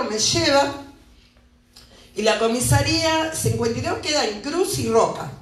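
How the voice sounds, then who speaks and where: Middle-aged buenos aires woman telling her story at a press conference, really impassioned, keeps asking "and what happens?", sounds roomy and far from the mic. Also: fairly high pitch. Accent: Buenos Aires Spanish. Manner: impassioned, with repeated rhetorical questions. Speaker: mother giving testimony at a press conference. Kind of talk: emotional personal testimony. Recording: echoey room, mic far off.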